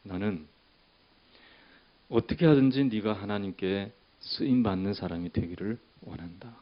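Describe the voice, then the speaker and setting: A man preaching a sermon as pastor, shifting from a chatty storytelling tone to loud, emphatic declarations. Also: lowish voice, unhurried, lo-fi sound.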